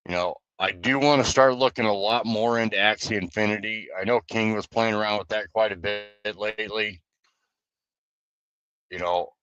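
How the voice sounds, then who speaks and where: A man on a live stream talks to his guild in a loose, rambling way, with plenty of fillers and restarts. His voice sits on the low side but sounds bright and forceful. The sound is dry, with no room echo. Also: clear, resonant tone, dull audio. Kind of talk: casual live stream chat.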